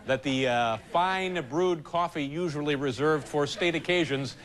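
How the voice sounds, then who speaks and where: A man hosting a late-night talk show, telling jokes in a wry, halting way with deadpan punchlines. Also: on the high side. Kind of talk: comic monologue and stunt banter. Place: TV studio and building hallways. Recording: broadcast with loud studio audience and background noise.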